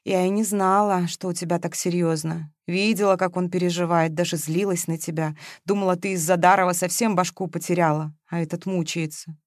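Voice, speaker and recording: A woman reading a story, voicing a sensible female friend who explains things quietly and with a sigh. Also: fairly low pitch, fairly even intonation, a little fast, hardly any pauses, dry recording, clean studio sound, close to an everyday voice. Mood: quiet sympathetic. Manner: quiet, sighing, matter-of-fact.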